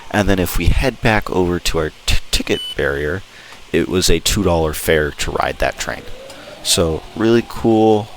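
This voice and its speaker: A man with a deep voice talks viewers through a game in a casual, informal way. He sounds enthusiastic as he explains things. There is audible noise in the recording behind him. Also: normal speed, low-quality recording. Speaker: video host. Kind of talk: casual gameplay walkthrough commentary. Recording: clear background noise.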